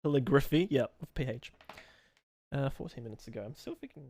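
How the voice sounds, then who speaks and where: A man's voice: mid-range voice, animated, brisk, a little mellow, breathy edge. A young man live streaming while he draws, chatting loosely with viewers and reading out and answering their messages in a rambling way.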